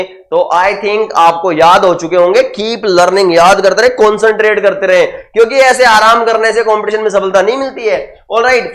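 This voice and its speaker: A man's voice: high-pitched, fairly bright tone. A man with an Indian accent teaching vocabulary in an online exam-prep lesson, playful and jokey, repeating answers back as quiz prompts. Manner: sings song snippets and makes sound effects. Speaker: English teacher.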